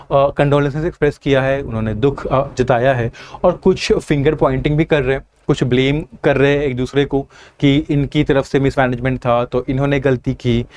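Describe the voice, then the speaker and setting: A man, teaching an online exam-prep lesson. He reads English lines slowly, then explains them in Hindi with frequent "theek hai" fillers. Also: mid-range voice, a little mellow.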